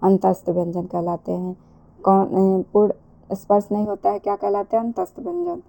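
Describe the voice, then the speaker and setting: A woman's voice: medium pitch, vocal fry, dark tone, faint music behind. A woman teaching an exam-prep lesson, asking rhetorical questions and answering them herself. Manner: slow, repeats and asks rhetorical questions.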